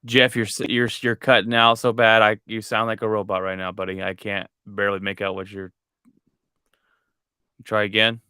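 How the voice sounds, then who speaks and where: A male podcast host with a bright, forceful voice that comes through smooth and crisp. He chats casually about sports, restarting phrases as he goes. The sound is dry and close. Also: on the low side, flat delivery, moderate pace, no echo. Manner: conversational, often restarts phrases.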